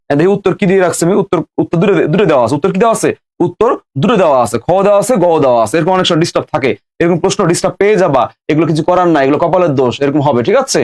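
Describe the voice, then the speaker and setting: Fast-talking male teacher quizzing a class. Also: high voice. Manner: quizzing students, repeating each question and answer. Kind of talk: live online grammar class.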